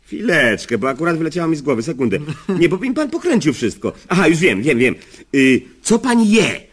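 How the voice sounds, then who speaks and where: A man's voice: on the high side, very animated, brisk, slightly rough. An actor playing a muddled, chatty man in a radio comedy sketch, who rambles, talks over his partner and chuckles at his own garbled jokes. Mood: chuckling. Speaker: comic sketch character.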